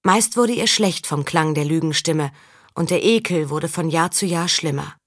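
Low-voiced woman reading a novel. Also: moderate pace, no room sound, studio quality. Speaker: audiobook reader. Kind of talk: scripted narration.

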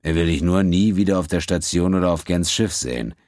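A smug, menacing space pirate, as a man reads him in an audiobook. The voice stays deep and unhurried, with a calm, mocking growl under it. The sound is dry and right up close. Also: no echo, natural voice. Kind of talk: audiobook character voice.

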